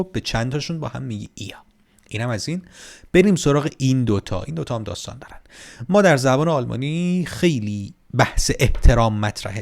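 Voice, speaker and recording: Gravelly-voiced man teaching German grammar. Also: medium pitch. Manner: lively, repeats words to model pronunciation. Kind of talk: casual online grammar lesson.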